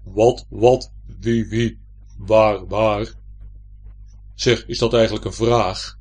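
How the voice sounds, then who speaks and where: A man voicing a mysterious, deep-voiced echo spirit that teases a lost boy. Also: steady tone, slow pace, darkish tone. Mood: teasing.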